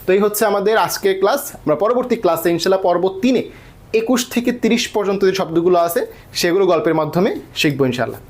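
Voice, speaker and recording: A man's voice: sits high, expressive, rapid-fire, a little mellow. A man teaching English vocabulary in an online class, explaining patiently and often checking that students follow.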